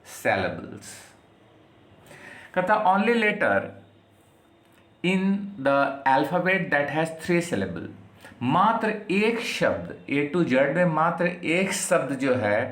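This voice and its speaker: A man from Bihar with an Indian accent, teaching an English lesson and explaining slowly, with lots of repetition and tag questions. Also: on the high side, bright, forceful tone. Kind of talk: classroom lesson. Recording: echoey room.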